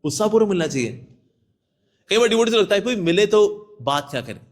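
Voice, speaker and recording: Lively high-voiced monk preaching. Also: male voice, a little fast. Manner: lively, acts out people with sudden voice shifts. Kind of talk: devotional talk to devotees.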